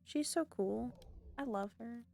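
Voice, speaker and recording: A woman's voice: a little high, unhurried, vocal fry, warm tone, soft background music. A woman with a Southern accent, chatting casually and playfully, giggling often. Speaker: streamer. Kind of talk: casual out-of-character chat.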